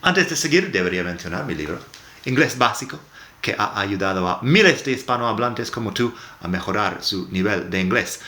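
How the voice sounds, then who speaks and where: Bright-voiced man teaching English pronunciation. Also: fairly low pitch, slight background noise. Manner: lively, upbeat, slowing down to model English words. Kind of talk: casual video lesson on pronunciation. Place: home living room, on a sofa. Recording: echoey room.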